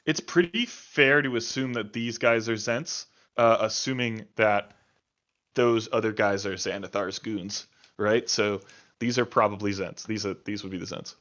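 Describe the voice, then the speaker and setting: A man running a tabletop game as game master, often halting and repeating words. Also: lowish voice, fairly bright tone, lo-fi sound.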